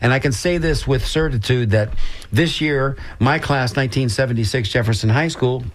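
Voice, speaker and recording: A man's voice: medium pitch, moderate pace. Folksy older man co-hosting radio. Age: 60s. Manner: folksy, joking banter. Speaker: radio co-host. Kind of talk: casual community radio chat.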